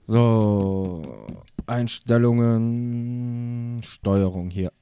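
A man's voice: medium pitch, steady tone, drawn-out words, mellow, clean tone. A man giving offhand gameplay commentary, thinking aloud in short casual remarks. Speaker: let's play host. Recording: game ambience and hoofbeats behind voice. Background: video game nature sounds, horse hooves.

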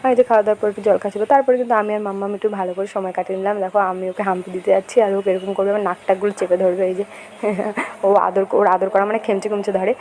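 A woman's voice: mid-range voice, fairly even intonation, rapid-fire, hardly any pauses, a little mellow, a little hiss or hum, poor audio. A young woman, narrating a daily home vlog in a chatty voice-over with frequent fillers. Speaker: vlogger.

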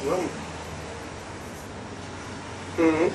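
High voiced guy teaching a religion class, chatty and all over the place, sounds far off in a boomy room. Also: very fast. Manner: animated, chatty, digressive, addresses the room directly. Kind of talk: informal religious lesson with live demonstration. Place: room with a small audience. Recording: roomy sound, voice from far off the mic, faint background hum.

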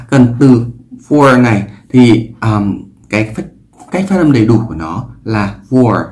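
A man's voice: lowish voice, warm tone. A Vietnamese-speaking man teaching English pronunciation, explaining sounds and repeating words and example sentences to demonstrate them. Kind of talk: explanatory lesson.

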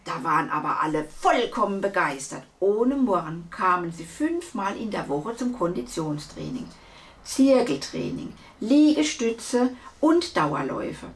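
A woman reading a children's book aloud, with lively, expressive storytelling. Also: medium pitch, a little slow. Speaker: storybook reader.

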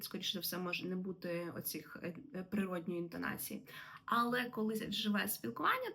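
A young woman from Ukraine, an English teacher, giving a relaxed, chatty lesson to camera with fillers and laughs. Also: mid-range voice.

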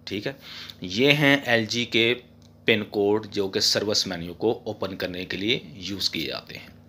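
A man's voice: fairly low pitch, bright, forceful tone. A man hosting a casual how-to tutorial for his TV repair channel, chatty and often ending lines with "okay". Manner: voice-over with no face on screen.

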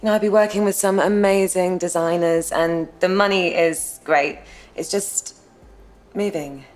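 A woman's voice: lowish voice, fairly even intonation, measured pace, lightly acted. An actress playing a friendly, hesitant young woman in a sitcom. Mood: thoughtful. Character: Steph, warm young woman, Darren's ex. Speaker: supporting character in comedy series. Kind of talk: sitcom acting.

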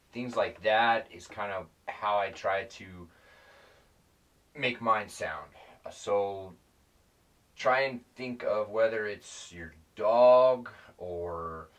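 A man with a very low voice talks through a how-to in a loose, plain-spoken way, circling back and restarting his sentences. He sounds a little set back from the microphone. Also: fairly bright tone, distant mic. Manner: rambling, plain-spoken, self-correcting. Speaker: predator calling instructor. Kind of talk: casual instructional talk.

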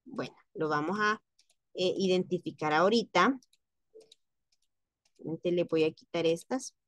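A woman teaching French at a slow, unhurried pace, repeating each word over and over for her students. Her voice is recorded close and dry, with almost no room sound. She explains things step by step and patiently. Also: on the low side, fairly bright tone, dry recording. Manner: slow and patient, repeats words for pronunciation drills. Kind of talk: explaining a lesson.

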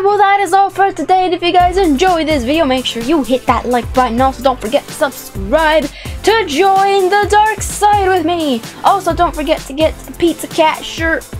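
Playful and giggly, a young woman hosts a gameplay video at normal speed in a high-pitched voice. She exclaims often and repeats phrases, sitting in a small indoor room with plush toys while music plays.

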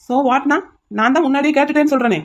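A woman voicing a loud, indignant young man who is the fiancé in a cartoon. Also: sits high, fast talker, dull audio, lightly acted.

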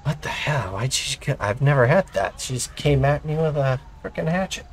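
A man playing a police officer in a game roleplay, mixing in-character radio calls with casual chat, animated and swearing as he narrates his actions. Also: medium pitch, moderate pace, a little hiss or hum.

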